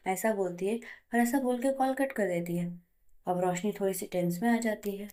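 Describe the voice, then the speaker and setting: A woman's voice: mid-range voice, moderate pace, warm tone. A woman narrating a romantic story in a plain, chatty way, voicing all the figures herself.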